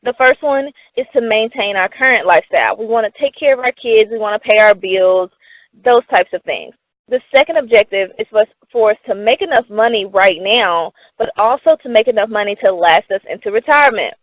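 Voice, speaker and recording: A woman's voice: medium pitch, fairly quick, no room sound. A young woman giving an upbeat, persuasive scripted sales presentation about money, answering her own questions. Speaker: company presenter. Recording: dry, phone-like narrow sound.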